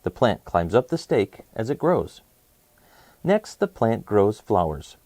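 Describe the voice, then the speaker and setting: Reading an educational picture book aloud for children, a man uses very lively, varied intonation with a mellow, mid-pitched voice and simple, clear phrasing. He goes slowly, like a kids' story host, and the recording is close and dry.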